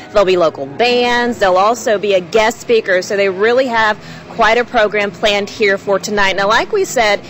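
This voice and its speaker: A woman's voice: on the high side, a bit bright. A woman TV news reporter delivering stories and live reports on location, upbeat and chatty. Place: outdoors on location.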